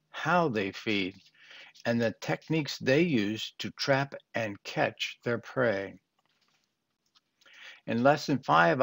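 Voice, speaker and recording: A man's voice: medium pitch, fairly bright tone. Older man giving a plain, earnest lesson. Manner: plain, earnest, with some fillers and restarts. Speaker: fly fishing instructor. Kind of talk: instructional narration. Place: small home room with shelves.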